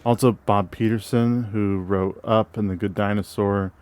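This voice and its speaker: A man co-hosting a casual movie podcast. He reads film credits haltingly, with many fillers and restarts. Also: fairly low pitch, fairly even intonation, a little mellow, clear, resonant tone. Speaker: podcast co-host.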